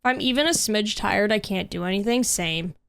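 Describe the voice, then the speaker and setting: A woman's voice: medium pitch, fairly quick, gravelly, a bit bright, a little hiss or hum. A woman streaming a game from home, chatting casually with viewers in a rambling way, full of "like" and "literally". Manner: chatty, rambling, lots of 'like' and 'literally'. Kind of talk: casual livestream chat while gaming. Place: home room.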